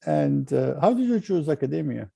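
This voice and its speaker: A man's voice: on the high side, very animated, normal speed, creaky, dark tone, slightly rough, no echo. A man hosting an interview, reading a guest introduction with fillers and slips, then asking questions. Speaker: interview host.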